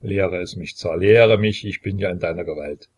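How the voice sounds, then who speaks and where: A gruff executioner mutters back in a loud, husky voice, stubborn and sullen, defending himself with pious words, as a narrator puts him on. His speech is grumbling and defiant, set in an audiobook reading. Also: sits low, normal speed.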